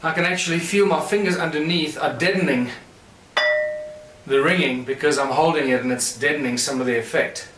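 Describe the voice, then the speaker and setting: A man's voice: fairly high pitch, brisk, reverberant, low-quality recording. A man giving a lecture with a hands-on demonstration, explaining in a loose, rambling way with fillers and restarts.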